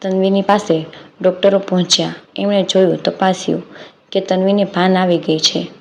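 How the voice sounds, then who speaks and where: A woman narrating an audio story in a steady storytelling manner. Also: on the low side, normal speed, gravelly. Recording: slightly dull lo-fi audio with faint background noise.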